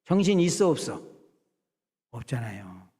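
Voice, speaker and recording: A man's voice: medium pitch, sing-song, measured pace. Middle-aged male pastor, casual humorous preaching style with acted-out bits, recorded in a reverberant sanctuary. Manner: conversational, jokey, acts out scenes with shouted voices. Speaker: senior pastor. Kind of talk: sermon. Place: church sanctuary. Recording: long hall reverb in a church sanctuary.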